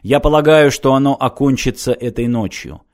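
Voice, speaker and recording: A man voicing an old, pregnant male alien who speaks slowly and softly in an audiobook. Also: medium pitch, close to an everyday voice. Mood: gentle. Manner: slow, soft-spoken.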